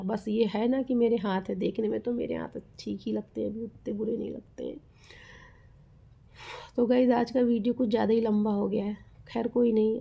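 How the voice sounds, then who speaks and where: Gravelly, husky-voiced woman vlogging. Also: medium pitch, lo-fi sound. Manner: earnest, rambling, addresses viewers as guys. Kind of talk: casual heartfelt vlog talk.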